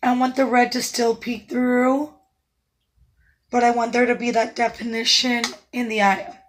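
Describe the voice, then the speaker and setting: Fairly high in pitch and a little slow, a female makeup artist guides a tutorial stage by stage as her naturally raspy voice, now hoarse, fades in and out. Her manner is calm and instructive with gentle asides, and there's slight background noise.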